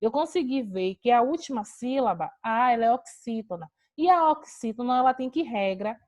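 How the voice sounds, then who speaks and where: Animated and speaking at a moderate pace, a Brazilian woman gives an online grammar lesson. Her voice sits a little high and sounds a little mellow. She works patiently through each rule by asking a question and then answering it, over video-call audio.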